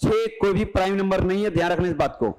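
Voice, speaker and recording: In a poorly recorded exam-prep math lecture, a man speaks with a high-pitched, darkish voice. His style is brisk and coaxing, and he regularly imitates students' questions and then answers them.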